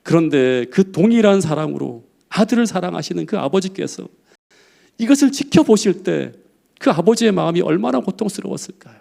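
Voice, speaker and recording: A man's voice: high-pitched, animated, brisk, creaky, warm tone. A male pastor preaching a sermon, telling a personal story in a heartfelt, earnest way.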